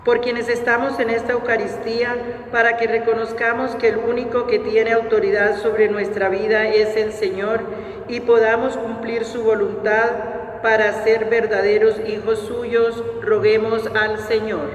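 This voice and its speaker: High, flat-toned man in cathedral echo. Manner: slow, even, measured recitation. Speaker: lector reading the prayers of the faithful. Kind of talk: liturgical reading at Mass. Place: large church during Mass. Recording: echoey church hall from far off, faint noise.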